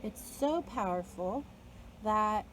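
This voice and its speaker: A spiritual content creator talks alone in a reflective, earnest way, coaching herself and her listeners through fear. Her medium-pitched voice is animated but slow, full of "like" fillers and soft laughs, with background noise behind her.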